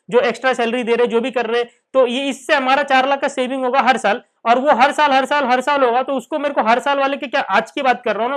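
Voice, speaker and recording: A man's voice: very high-pitched, fairly bright tone. A man with an Indian accent lecturing in a Hindi-English classroom, asking and answering his own questions and repeating key points. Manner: acts out students' questions in dialogue. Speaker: finance lecturer.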